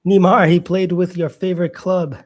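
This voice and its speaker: A man's voice: high voice, flat delivery, moderate pace. A man from Brazil teaching English on a casual live stream, chatting with viewers and answering their comments.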